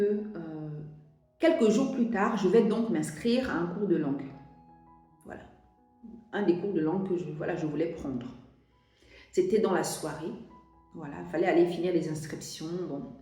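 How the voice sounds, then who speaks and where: A young French woman vlogger tells a personal story to the camera in a lowish, mellow voice. She sounds hesitant, restarting often and filling gaps with fillers, and the room she's in is very echoey.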